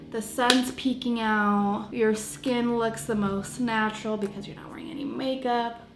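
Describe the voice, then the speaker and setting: Chatty woman, echoey room. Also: fairly high pitch. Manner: chatty and playful, trails off mid-sentence. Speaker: beauty vlogger. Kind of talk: casual makeup tutorial chat.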